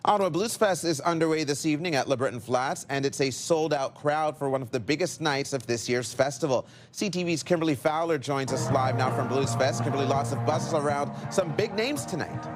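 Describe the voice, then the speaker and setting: A man's voice: on the high side, fairly quick, few pauses, faint music behind. A man with a Canadian accent reading scripted news as an anchor.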